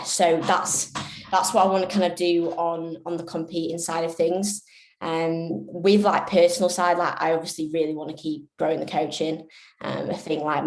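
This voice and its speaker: A woman's voice: low voice, a little mellow, reverberant, poor audio. A twenty-year-old woman co-hosting a podcast, chatting casually with lots of "like" fillers and the odd swear word. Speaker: podcast co-host and coach.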